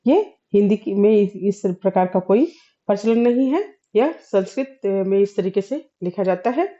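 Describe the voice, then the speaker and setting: A woman teaching a spoken Hindi grammar lesson, explaining slowly with many fillers and pauses and clearing her throat often. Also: mid-range voice, animated, dark tone, highs cut off.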